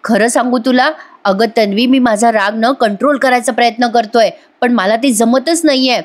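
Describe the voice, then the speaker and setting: A man's voice: very high voice, fairly even intonation, moderate pace. A woman voicing a troubled young man from a TV serial who complains in an agitated way about his family.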